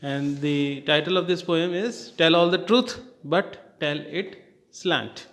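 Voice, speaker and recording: Slow, repetitive man with an Indian English accent. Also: fairly high pitch, a bit bright. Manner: slow, repeats key points for emphasis. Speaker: literature teacher. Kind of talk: classroom lecture.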